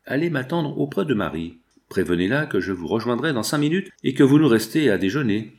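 Un homme lisant à voix haute et prêtant sa voix à un millionnaire âgé, père inquiet qui cache un crime. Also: male voice, medium pitch, expressive, brisk, a little mellow, natural voice. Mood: posé. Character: homme riche âgé, père coupable et rongé de peur.

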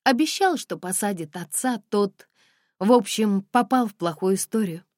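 A woman reading a stubborn young runaway bride who talks quickly and emphatically. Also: mid-range voice, lively intonation, a little mellow, no room sound, studio quality, voice pushed up, close to an everyday voice. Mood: bitter.

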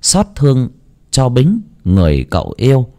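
A male storyteller narrates a dramatic tale with great expression. His pitch swings widely from line to line, stretching and pulling back for effect. His voice sits in a middle register. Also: huge pitch swings, normal speed, dark tone.

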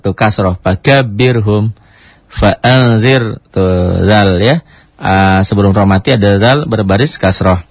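A man teaching Quran recitation rules, sounding out example words slowly syllable by syllable and explaining patiently with frequent checking questions. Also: fairly low pitch, no echo, lo-fi sound. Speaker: Islamic teacher.

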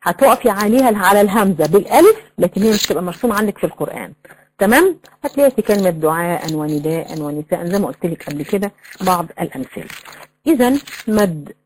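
A woman's voice: medium pitch, animated, poor audio. Egyptian woman teaching Quran recitation. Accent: Egyptian Arabic. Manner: explanatory, quizzing students, drawn-out recited examples. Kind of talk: online tajweed lesson.

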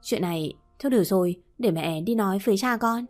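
A woman voicing an anxious middle-aged mother who gently coaxes her family. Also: medium pitch, a little fast, soft background music, close to an everyday voice. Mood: reluctant.

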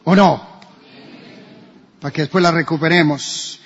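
Pastor preaching in an echoey hall. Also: male voice, a little high, steady tone, a little slow, fairly bright tone, breathy edge. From Colombia. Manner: preaching with rhetorical questions to the congregation. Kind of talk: sermon. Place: church hall. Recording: dull, echoey church recording.

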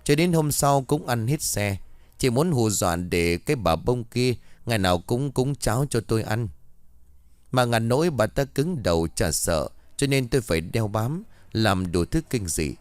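A man's voice: mid-range voice, lively intonation, moderate pace, no echo, lightly acted. A man voicing a pitiful male ghost who whines and pleads, from a spoken storybook. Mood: sullen. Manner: whining, pleading.

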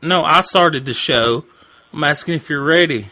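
A man talking through a voice changer that pitches his voice deeper, a brash and crude prank caller hosting a radio show. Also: moderate pace, sharp tone, no echo. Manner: brash, crude, bro-talk, pushy. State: drunk. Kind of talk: prank phone call.

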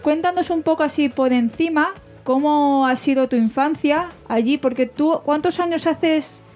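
Una mujer española que conduce un pódcast en tono de charla informal, preguntando con frecuentes reinicios. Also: female voice, sits high, normal speed, darkish tone, soft background music. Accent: Spanish from Alicante. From Spain. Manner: chatty, asks questions with frequent restarts. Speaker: podcast host. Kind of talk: casual podcast interview.

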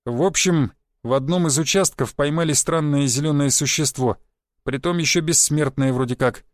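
A man's voice: a little high, moderate pace, no echo, close to an everyday voice. A man voicing a tired middle-aged recruiter who talks with weary sighs. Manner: sighing, tired.

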